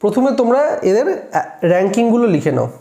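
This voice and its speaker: A man's voice: sits high, big pitch swings, quick pace, vocal fry, mellow. A man teaching a class at a board, counting aloud step by step and checking his work. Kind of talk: classroom lesson. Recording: echoey room.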